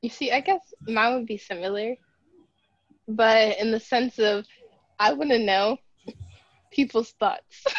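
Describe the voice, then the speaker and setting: Woman, giggly podcast co-host, slow husky voice, dry dull recording. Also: a little high, no room sound. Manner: giggly, unhurried. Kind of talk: casual chat.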